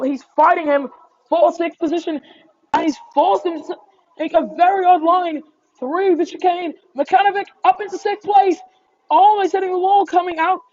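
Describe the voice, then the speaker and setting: A woman's voice: sits high, darkish tone. A woman giving live race commentary as a motorsport commentator, with a voice that rises as she calls the action. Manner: motorsport commentator calling action, voice rising on incidents. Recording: dull lo-fi microphone.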